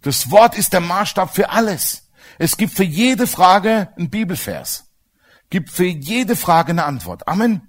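A male preacher delivers a sermon in a lively, animated voice that swoops up and down. He sits a little higher than most men. He presses his points hard and keeps checking whether the congregation agrees. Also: a little slow. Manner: emphatic, asks the congregation for agreement.

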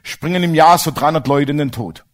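A man's voice: on the high side, a little fast. A man preaching a sermon with emphasis and humorous asides, often asking the congregation for agreement.

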